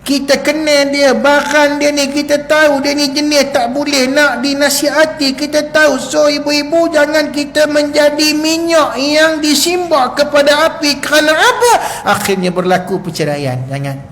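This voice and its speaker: A Malaysian Malay man giving a mosque lecture as a religious teacher, lively and joking, acting out quarrels between husband and wife. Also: very high-pitched, moderate pace, hardly any pauses, a little hiss or hum. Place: prayer hall. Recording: echoey hall recording.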